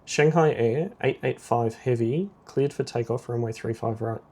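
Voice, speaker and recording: A man playing air traffic controller in a simulator game, giving clipped, procedural radio commands in a creaky voice. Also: mid-range voice, normal speed, warm tone.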